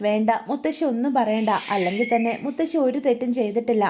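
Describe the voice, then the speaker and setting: A heartbroken young daughter, as a woman storyteller puts her on speaks in a tearful, resigned way. Her voice is soft, mellow and a bit high, in a spoken storybook retelling. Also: quick pace, a little hiss or hum, natural voice.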